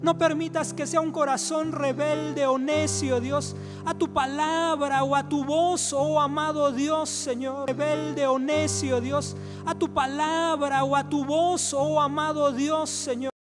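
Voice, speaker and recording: A man's voice: very high-pitched, level tone, takes it slowly. A male pastor closing a sermon and leading a fervent prayer in a church, repeating the words for God between every phrase. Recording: music playing behind the voice.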